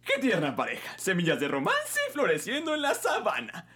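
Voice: mid-range voice, wildly swooping pitch, moderate pace, a bit bright, husky, heavily acted. A voice actor playing a prim, lecturing male bird who serves as royal advisor.

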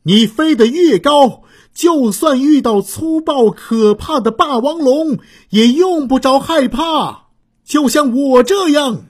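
A woman's voice: sits high, animated, takes it slowly, voice pushed up. A woman voicing an encouraging adult male pterosaur, a father, speaking in a firm, coaching way.

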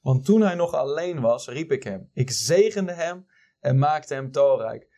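A man teaching about the Bible in a casual conversation. He reads scripture aloud slowly and emphatically in a preacherly way. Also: mid-range voice, expressive, warm tone. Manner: preacherly, tags points with "weet je".

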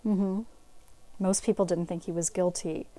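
A woman's voice: on the low side, fairly even intonation, a little slow, warm tone, dry recording. A woman talking casually as a podcast host, opinionated and conversational, with plenty of fillers as she recaps a documentary. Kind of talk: casual chat.

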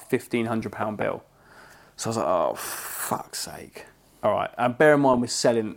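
A young man with an English accent tells a long story in a loose, conversational way. He slips into quoting the other people in it and swears freely. His delivery is animated, with a medium pitch for a man. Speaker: podcast co-host. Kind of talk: casual storytelling chat.

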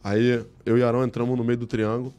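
A man's voice: medium pitch, fast talker. A man with a Brazilian Portuguese accent from Rio, telling anecdotes in slangy, casual chat as an interview guest. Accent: Brazilian Portuguese, Rio de Janeiro. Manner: slangy, animated storytelling. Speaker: guest, celebrity look-alike and comedy performer.

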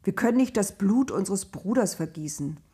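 A woman voicing the eldest brother in a Bible story reading, firm and appealing to reason with a husky voice. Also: medium pitch, animated, moderate pace, mellow. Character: eldest brother, calm male peacemaker. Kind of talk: storybook narration.

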